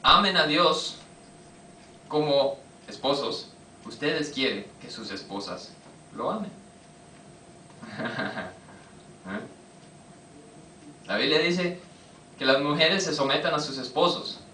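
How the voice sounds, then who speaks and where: A man preaching a sermon, firing quick questions at his congregation. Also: a little high, expressive, pushed and bright, a little hiss or hum. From Costa Rica. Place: church hall. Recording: echoey hall, voice from a distance.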